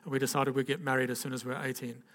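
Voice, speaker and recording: An older man from Zambia and Zimbabwe shares an informal personal testimony with a gathering, his mid-range voice level, rapid-fire and a bit bright, trailing a long reverb. He rambles conversationally, restarting sentences and tossing in frequent "okay?" asides.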